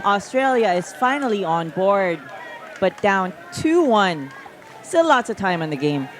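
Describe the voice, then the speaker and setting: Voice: medium pitch, very animated, a little slow, a faint crowd. A commentator at a live outdoor match who chats, adds stats and asides, and banters with the booth. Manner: chatty, gives stats and asides. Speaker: sports commentator.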